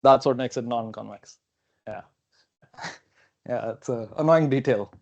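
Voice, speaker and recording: A young man who isn't a native English speaker gives a technical seminar at a whiteboard in a lecture hall, wearing a clip-on lapel mic. His voice is medium-pitched, creaky, and darkish, and he speaks unhurriedly, thinking aloud casually with frequent okays and fillers.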